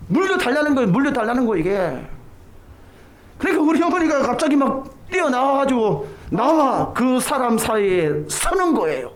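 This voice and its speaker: A middle-aged man from Korea preaching a sermon, telling a childhood story and acting out the voices in it. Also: very high voice. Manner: animated storytelling, acts out quoted voices. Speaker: pastor.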